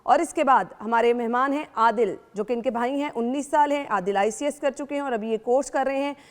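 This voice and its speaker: A woman with a Lahore Urdu accent hosts a TV interview in a polite, warm manner. Her fairly high voice carries a long studio reverb. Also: brisk. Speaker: TV show host. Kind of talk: TV interview hosting.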